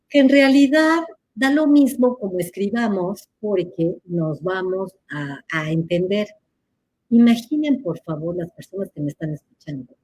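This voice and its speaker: A woman's voice: medium pitch, mellow, slight background noise. A woman answers audience questions in a live chat, teacherly and playful, laughing at her own examples.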